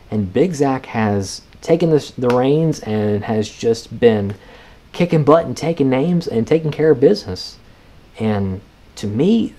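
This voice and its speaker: Male podcast host, young adult, dark warm voice, earnest and animated advice talk. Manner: animated, earnest, pitch jumps up when excited. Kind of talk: casual advice monologue.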